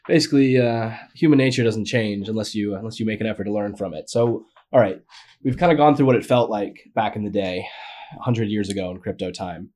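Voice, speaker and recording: A man's voice: fairly low pitch, fairly quick, dark tone. A man hosting a casual podcast, jokey and speaking to his listeners as folks. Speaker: podcast host.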